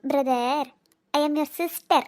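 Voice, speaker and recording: A woman's voice: sits high, steady tone, very slow. A woman voicing a teasing, scheming teenage sister in a cartoon, needling her brother with mock threats. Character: teen girl, teasing and scheming younger sister.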